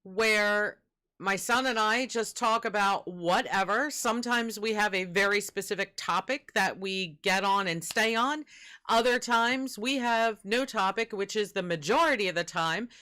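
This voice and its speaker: Bright-voiced middle-aged woman hosting a podcast. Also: mid-range voice, unhurried. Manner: laughing, trying to keep things on track. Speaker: podcast co-host. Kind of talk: casual chat.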